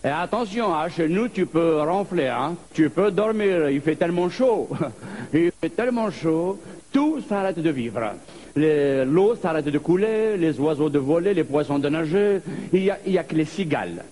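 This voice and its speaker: A man from Algeria performing a stand-up comedy monologue, telling stories in a lively way. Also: a little high, normal speed, a little hiss or hum. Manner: lively storytelling with put-on voices.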